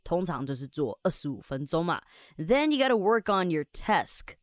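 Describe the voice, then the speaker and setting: A woman's voice: lowish voice, very animated, normal speed, no echo, studio quality. A woman from Taiwan with a Taiwanese Mandarin accent, hosting a podcast English lesson. She reads English lines aloud, then explains them in chatty Mandarin. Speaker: English teacher and podcast host.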